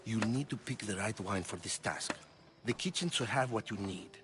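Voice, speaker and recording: A man's voice: on the low side, normal speed, a bit bright, faint music behind, lightly acted. An actor playing a vain, pompous male dramatist in a video game. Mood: scheming. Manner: pompous, self-admiring, grand. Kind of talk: video game character dialogue.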